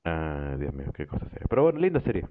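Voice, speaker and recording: A man hosting a show, retelling anime episodes in an animated, profane, casual way. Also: rumbling low, fast talker. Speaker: radio show host. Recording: tinny phone-like line.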